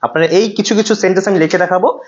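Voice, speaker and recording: A man from Bangladesh teaching pronunciation in a classroom, drilling sounds aloud with repetition and quick quiz questions. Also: sits high. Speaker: pronunciation instructor. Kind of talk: classroom lesson. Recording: slightly muffled classroom recording.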